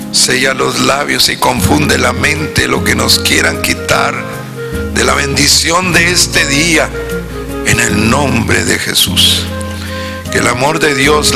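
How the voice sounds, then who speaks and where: A man with a northern Mexican accent leading a closing prayer and benediction in church, measured and prayerful. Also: mid-range voice, creaky. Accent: northern Mexican Spanish. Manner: slow, measured praying. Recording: church service with music behind.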